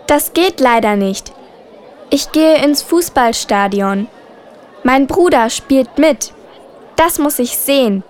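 A woman voicing a friendly schoolgirl in a textbook listening dialogue, speaking slowly and clearly. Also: high-pitched, lively intonation, a little mellow, some chatter behind. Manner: slow, careful, clearly spoken.

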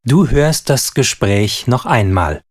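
A man narrating a language-course listening test, deliberate and clear. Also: medium pitch, animated. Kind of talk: instructional narration.

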